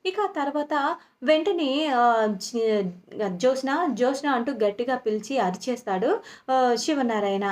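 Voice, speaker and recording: Brief: woman recap narrator, highish voice, many hesitations and fillers. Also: moderate pace, a little mellow. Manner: frequent "ah" fillers and restarts, acting out quotes. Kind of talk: storytelling episode recap.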